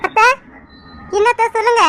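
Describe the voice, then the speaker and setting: A woman's voice: very high voice, little pitch movement, slight background noise. A woman voicing a helpful aunt of the house who answers in a hurry. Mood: hurried. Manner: hurried, obliging. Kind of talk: cartoon voice acting. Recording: background music under voice.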